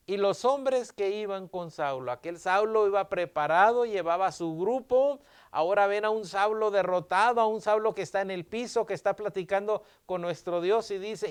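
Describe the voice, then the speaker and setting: A man's voice: a little high, clean tone. A male pastor giving a Sabbath school sermon, reading scripture aloud and explaining it with emphasis.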